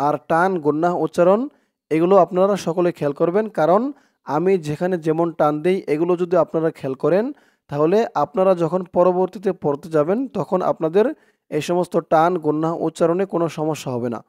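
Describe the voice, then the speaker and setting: A man teaching Quran recitation, explaining it calmly and spelling words out letter by letter, with drawn-out long vowels. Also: a little high, dry recording, studio quality. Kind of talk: spoken lesson with slow chanted recitation.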